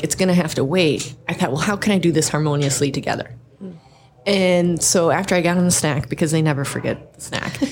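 A woman's voice: fairly low pitch, a little mellow. A middle-aged woman from the American Midwest, a podcast guest telling earnest personal stories in casual conversation with many fillers. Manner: earnest storytelling, frequent "like" fillers. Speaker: podcast guest, designer and coach.

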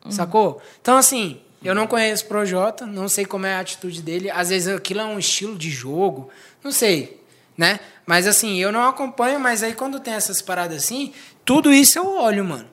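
A man who talks fast in loose, slangy street speech. He breaks down rap battles like a working MC and acts out rhymes now and then. Relaxed podcast chat. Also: high-pitched.

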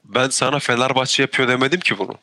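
Young man, bright and dry, complains hotly, casual football chat. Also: mid-range voice, fast, no echo. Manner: heated, indignant, swears freely.

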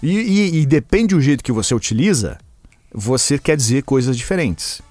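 A man's voice: mid-range voice, moderate pace, dry recording. A man from southern Brazil with a gaúcho accent, co-hosting a casual podcast chat and playfully acting out quotes. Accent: Gaúcho Brazilian Portuguese. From Rio Grande do Sul, Brazil. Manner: animated, playful, acts out quotes. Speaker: podcast co-host.

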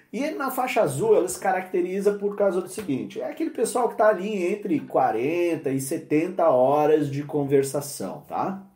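A man's voice: on the high side, dark tone. A man with a Brazilian accent who teaches English, giving a casual, slangy motivational lesson and checking in with constant tag questions. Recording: roomy echo.

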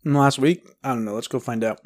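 A man co-hosting a casual podcast chat with animated, teasing banter. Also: mid-range voice, fast talker. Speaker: podcast co-host.

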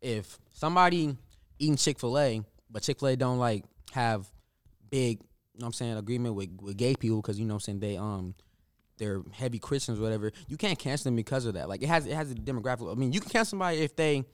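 A young man in casual group chat, quick and slangy. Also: medium pitch, no room sound. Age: young adult.

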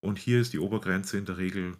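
A man's voice: low-pitched, steady tone, fast talker. A middle-aged man with a Bavarian German accent tinged with American, explaining things casually, often searching for words and slipping into English. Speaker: guest explaining US retirement investing.

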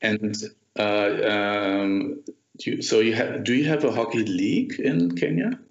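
A man with a gravelly voice puts halting, casual questions as a podcast co-host. The recording is roomy and a bit dull. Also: lowish voice.

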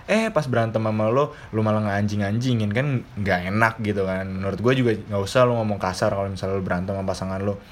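A young man with Jakarta slang, hosting his own podcast as a casual, chatty monologue, blunt and freely swearing. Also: medium pitch. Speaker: podcast host.

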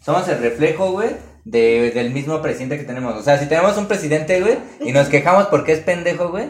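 A man's voice: fairly high pitch, quick pace. A Mexican man co-hosting a casual podcast, blunt and slangy, dropping filler slang constantly. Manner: slangy and blunt, peppers talk with "güey". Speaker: podcast co-host. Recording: echoey room.

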